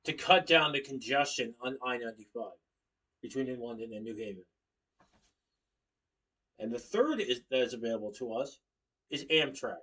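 Here a young Connecticut man presents an informative class speech indoors at home, on his feet, gesturing, with occasional self-corrections. The voice is medium in pitch, husky, and sharp in tone. It sounds far off, captured by a webcam placed across his living room.

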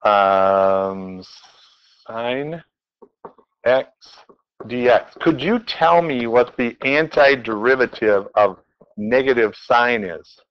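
A man's voice: medium pitch, slow pace, clear, resonant tone, highs cut off. A man teaching a math class in a classroom, working examples aloud and playfully quizzing his students as he goes. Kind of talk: classroom lecture.

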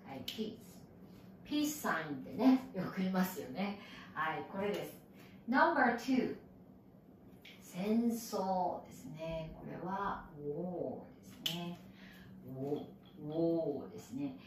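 A woman English teacher with a Japanese accent, giving an animated recorded lesson with playful sound effects. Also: deep voice, unhurried, a little hiss or hum. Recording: echoey room from far off.

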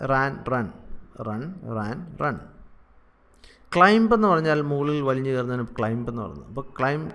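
A man with a Malayali accent teaching English verb forms in a lesson, repeating each one slowly in drills. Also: medium pitch, fairly bright tone.

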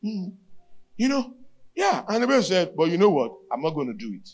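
Animated Nigerian preacher, a man. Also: high-pitched, a little fast. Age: middle-aged. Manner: emphatic, repeating key phrases. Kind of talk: sermon. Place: stage at a church retreat, indoors. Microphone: handheld microphone.

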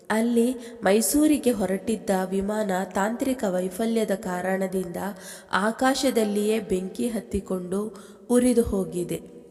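A woman reading a romantic story aloud as a storyteller, in a steady, measured narration. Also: mid-range voice. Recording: long reverb.

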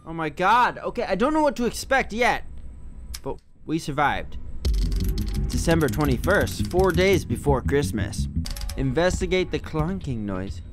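A young man streams a horror game as a scared, jumpy player. His pitch leaps around between muttering and exclaiming, and he swears freely. Game music plays behind his slow, halting commentary. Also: big pitch swings. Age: young adult. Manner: jumpy, foul-mouthed, exclaiming and muttering to himself. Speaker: gaming streamer. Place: indoor room at home. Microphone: close desk microphone with headset headphones.

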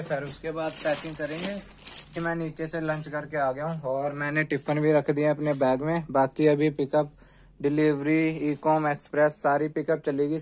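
A young man in his twenties chatting casually through a vlog, narrating his work as he goes. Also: a little high. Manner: chatty running commentary while working. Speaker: vlogger at a garment factory. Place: small garment workshop, indoors. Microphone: handheld phone camera.

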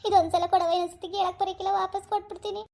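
A woman's voice: high-pitched, flat delivery, fast, dark tone, close to an everyday voice. A woman voicing a young married village daughter in a cartoon, nervous and pleading. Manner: nervous, pleading, tearful begging. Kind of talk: cartoon voice acting.

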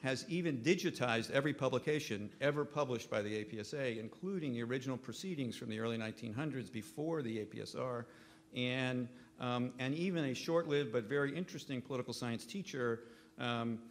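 A man in his fifties giving a conference keynote lecture from a podium microphone in a hotel ballroom, often stopping to correct himself. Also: medium pitch. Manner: halting, self-correcting delivery. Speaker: keynote speaker.

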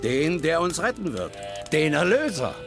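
An actor playing an excitable monastery figure who speaks in a dramatic, awestruck way with a gravelly voice. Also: male voice, on the high side, moderate pace. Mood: awed. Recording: game audio with faint music.

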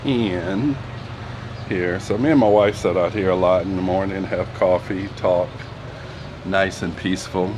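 A man's voice: low voice, steady tone, unhurried, background noise. A man giving a casual walking tour of his house, chatty and rambling with fillers, filmed on a handheld phone camera. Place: inside a two-story house, partly out on a balcony. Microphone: phone camera handheld while walking.

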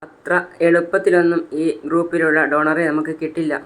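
A man's voice: fairly high pitch, flat delivery, fairly quick, a bit bright, close to an everyday voice. A narrator voicing a caring young man who reassures a crying mother. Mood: reassuring.

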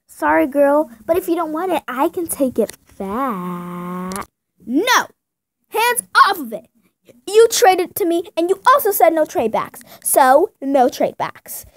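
A young female performer voicing a smug, bratty scammer girl in a toy role-play video, talking loud and showy. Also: high-pitched, big pitch swings, unhurried, dry recording, voice pushed up. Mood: bossy.

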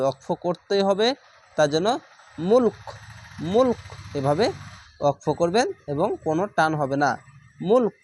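A man teaching Quran reading, sounding out each letter and syllable slowly and patiently in a step-by-step lesson. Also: fairly high pitch. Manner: slow, drawn-out syllable-by-syllable recitation.

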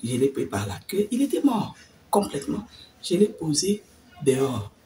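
A woman tells her personal faith testimony as an interview guest, acting out the words of others as she goes. Her pitch swings widely and expressively. She sits some way from the mic, with a faint hiss of noise behind her. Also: moderate pace, distant mic. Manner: animated storytelling, acting out quoted speech.

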